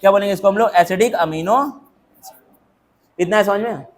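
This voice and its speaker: During his classroom lecture, a brisk, high-pitched man keeps throwing out rhetorical questions and having students repeat the answers. He is jokey, teasing them and calling on individuals by name.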